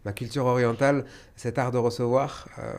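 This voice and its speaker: He talks at a moderate pace, his mid-range voice level and a little mellow. The man, a hotelier who was born in Tunisia and grew up in France, is a podcast interview guest telling stories with emphasis and a chatty manner.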